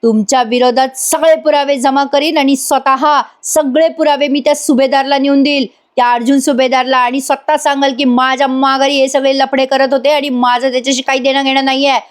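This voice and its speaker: A furious older crime boss barks threats and orders at his man, his voice pushed up and sharp , voiced by a woman narrator. He sounds suspicious and domineering, from a retold TV drama. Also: high voice, flat delivery, a little fast, few pauses, voice pushed up, natural voice. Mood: angry. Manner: shouting, threatening. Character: angry scheming older male gang boss.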